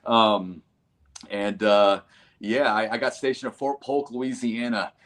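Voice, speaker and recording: A North Carolina man in his thirties, a combat veteran, speaks as an interview guest with a fairly low, steady, slightly bright voice at a slow pace. He talks casually and earnestly in a folksy way, calling listeners "man" and "brother."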